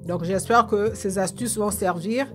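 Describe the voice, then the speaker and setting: A woman's voice: medium pitch, a little slow, soft background music. A woman giving casual home how-to tips, repeating steps with fillers and restarts. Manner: repetitive, many fillers and restarts.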